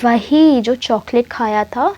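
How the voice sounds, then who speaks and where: A woman's voice: on the high side, slow, a little mellow, lo-fi sound. A woman voicing a young female student who questions insistently and directly in a spoken love story.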